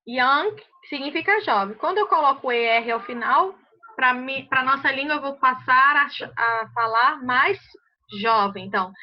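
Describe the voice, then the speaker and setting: A Brazilian Portuguese woman explains grammar rules to a class, pausing often to ask if everyone understood. Her voice sits high. The recording sounds muffled and lo-fi. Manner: patient, checks understanding often. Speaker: English teacher. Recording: muffled lo-fi audio.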